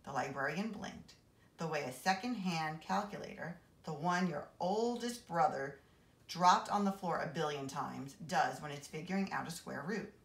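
A woman reading a children's novel aloud in an expressive, animated way. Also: sits low, moderate pace, gravelly. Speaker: assistant principal reading aloud. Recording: roomy echo.

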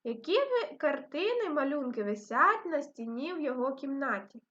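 A woman with a high, bright voice leads a reading and phonics lesson for young children. She speaks slowly and clearly, praising and guiding them with patience. The recording sounds somewhat dull and lo-fi. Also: very animated. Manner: patient, encouraging, slow and clear for small children. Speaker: primary school teacher.

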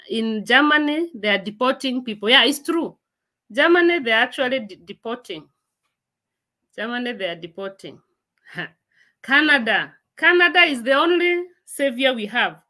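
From a room in her home, a woman in her forties hosts a relaxed livestream, reading viewers' comments aloud and replying with plenty of laughter and chatter. Her voice is high and bright with a forward ring, recorded by a laptop mic held at arm's length.

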